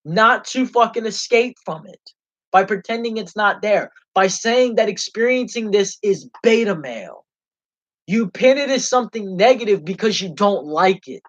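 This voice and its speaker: A young man hosts his own livestream, launching into an unscripted rant full of passion, anger, and heavy swearing. His voice sits high and sounds animated at a normal speed. The stream audio is dull and lo-fi.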